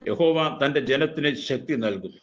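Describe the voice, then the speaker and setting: A man, a pastor, reading scripture aloud in a steady, declaiming recitation. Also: a little high, normal speed, a little hiss or hum. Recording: dull lo-fi recording.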